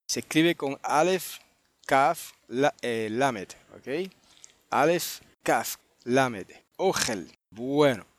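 A man leading an online Bible study, reading verses aloud and then commenting on them, often checking with his listeners and thinking aloud with restarts. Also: medium pitch. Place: online group meeting.

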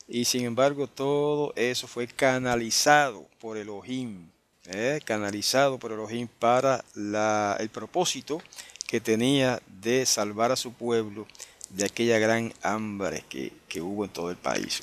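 A male preacher explaining a scripture passage to his congregation in a sermon, often checking in with quick tag questions and restarting phrases, and slowing down to read the verses aloud. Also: medium pitch. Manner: reads scripture aloud in a slower, lifted tone. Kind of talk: Bible study sermon.

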